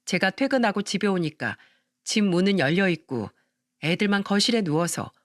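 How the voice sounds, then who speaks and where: A woman narrating a dramatic personal story in scripted style, her voice moving animatedly up and down. She sounds confiding and indignant at mid pitch, recorded dry and close. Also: lively intonation, normal speed, no echo.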